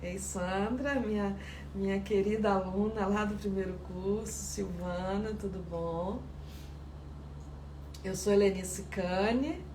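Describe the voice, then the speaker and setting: A woman teaching sourdough on a live stream, chatty and greeting viewers by name. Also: mid-range voice. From Espírito Santo, Brazil. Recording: echoey room with faint background noise.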